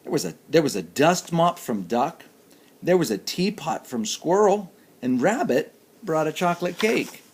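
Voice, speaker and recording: A man reading a children's story aloud in an expressive, sing-song way. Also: a little high, normal speed, husky. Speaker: narrator.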